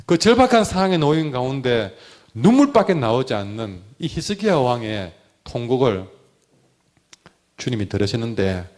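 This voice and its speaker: A male pastor preaches with his throat a little sore, pushing through it anyway. His pitch rises and falls widely, with sudden loud cries and then quiet, near-whispered phrases. His voice sits at an ordinary middle pitch for a man. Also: sing-song, normal speed. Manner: impassioned preaching, swings from loud cries to hushed words. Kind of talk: sermon.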